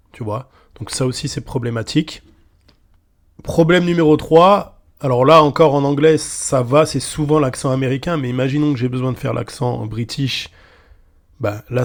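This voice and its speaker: A man's voice: medium pitch, darkish tone. A man casually walking a viewer through an AI video tool, talking to them directly and informally, with frequent hesitations. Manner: casual, addresses viewer as tu, many fillers. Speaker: tutorial host. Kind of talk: screen-recorded software tutorial.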